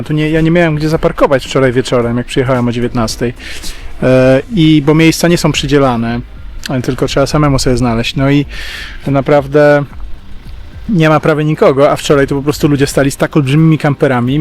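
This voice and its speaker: A man talking casually in a travel vlog, chatty and explanatory, recorded outdoors at a campsite. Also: medium pitch. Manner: chatty and explanatory, with thinking-aloud fillers. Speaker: travel vlogger.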